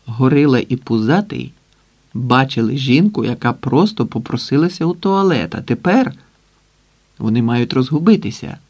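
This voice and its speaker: Brief: male audiobook narrator, mid-pitched, measured dramatic delivery. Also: darkish tone.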